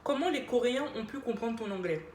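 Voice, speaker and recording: A woman's voice: fairly high pitch, expressive, fairly quick, darkish tone, a little hiss or hum. A young woman answering viewer questions in a chatty, playful, self-mocking way. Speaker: YouTuber. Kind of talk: casual Q&A vlog. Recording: echoey room with faint ambience.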